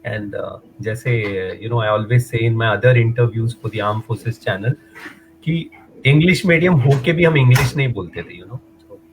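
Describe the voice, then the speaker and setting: This guest, a forty-something runner and motivator from Mumbai, speaks Indian English very fast in a mid-range voice against a noisy background. The casual video-call interview finds him wandering, hesitant and heavy on fillers, switching into Hindi at times.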